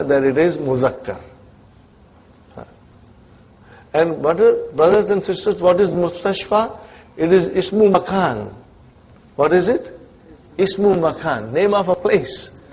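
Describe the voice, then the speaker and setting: Male language teacher, slightly high husky voice, slow classroom dictation with frequent comprehension checks. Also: darkish tone. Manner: repeatedly checks understanding with short questions. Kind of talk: slow lesson dictation, reading phrases out and translating for students.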